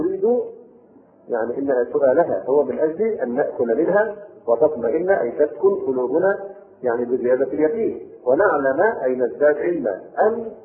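A man with an Egyptian accent gives a fast-paced Quran commentary lesson. He reads the classical text, then breaks into colloquial asides and corrects himself along the way. His voice sits a little high, and the tape sounds narrow and tinny. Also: lively intonation. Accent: Egyptian Arabic. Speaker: Quran tafsir teacher.

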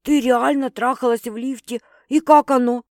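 A woman's voice: sits high, steady tone, moderate pace, dry recording, studio quality, pitched above the performer's own voice. A woman playing a brash teasing sister. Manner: mocking, bawdy and brash.

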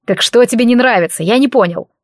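A woman's voice: fairly high pitch, fast talker, no echo, studio quality, close to an everyday voice. A woman voicing a haughty, sarcastic male elf in armor in an audiobook. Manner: sarcastic, eye-rolling.

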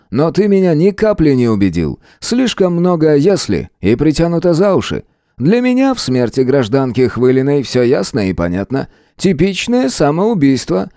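A man voicing a sarcastic, dismissive male police department chief with a mocking, sharp-tongued manner in an audiobook. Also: a little high, dry recording, studio quality, pitched above the performer's own voice. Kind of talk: audiobook character voice.

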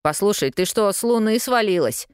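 A woman's voice: medium pitch, animated, moderate pace, clear, resonant tone, no room sound, clean studio sound, voice pushed up, close to an everyday voice. Woman doing a cocky, scoffing street newsboy. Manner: scoffing, slangy, drawling.

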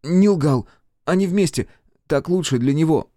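A man's voice: a little high, measured pace, dark tone, dry recording, clean studio sound, pitched above the performer's own voice, natural voice. A man voicing an earnest, jealous teenage boy who speaks in a raised, agitated and pleading voice. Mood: earnest, gloomy.

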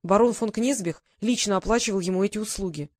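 A woman reading the lines of an urgent, blunt young English gentleman in an audiobook, in a pressing, hurried manner. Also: mid-range voice, no echo, clean studio sound, lightly acted.

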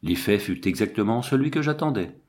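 Casual: guy reading an audiobook out loud, steady storytelling, lowish voice. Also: brisk. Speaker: audiobook reader. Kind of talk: first-person audiobook narration.

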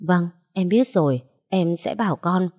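A woman voicing an anxious, caring wife who speaks softly and politely. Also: lowish voice, a little slow. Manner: soft, polite.

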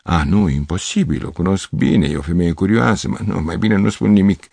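A man's voice: low voice, vocal fry, darkish tone, husky, no echo, heavily acted. A man voicing a fussy, flustered middle-aged male piano teacher who rambles and over-explains. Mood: fretful.

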